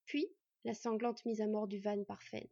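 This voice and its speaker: A woman reading a story aloud as narrator in an even, measured way. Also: medium pitch, vocal fry, no echo, muffled recording. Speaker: audiobook narrator.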